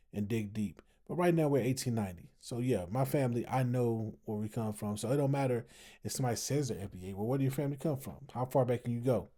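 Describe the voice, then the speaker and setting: A tired American man with a mellow, mid-range voice hosts casual, opinionated commentary on an online discussion. He's emphatic, repeating phrases to drive points home, and his family comes from Texas.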